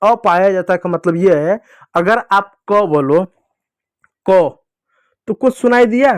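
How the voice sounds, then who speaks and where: Male teacher, higher register, dry recording; patient reading lesson for kids, stretches out each sound. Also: animated, no room sound. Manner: repeats sounds slowly, asks and answers own questions.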